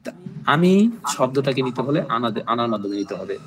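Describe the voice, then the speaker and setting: A man teaching a language class, explaining slowly and patiently and repeating each phrase with its translation. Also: mid-range voice, lively intonation, a crowd in the background. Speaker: Arabic teacher. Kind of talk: online language class in Bengali. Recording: noisy recording with clicks.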